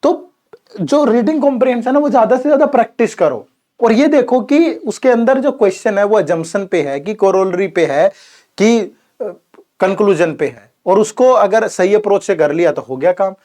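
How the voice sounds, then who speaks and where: A man's voice: high voice, animated, normal speed, mellow. A young man teaching an exam prep lesson in casual Hindi, who keeps saying "theek hai" and "yaar". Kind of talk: informal Hindi lecture.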